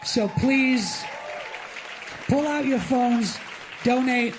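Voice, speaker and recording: A man with a very high voice performs animated stand-up before a live audience. He is middle-aged and grew up in India. His manner is mocking and playful. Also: drawn-out words, a crowd in the background, background noise. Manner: animated, mocking, with lively acted-out asides. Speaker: stand-up comedian and host. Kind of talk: stand-up comedy set.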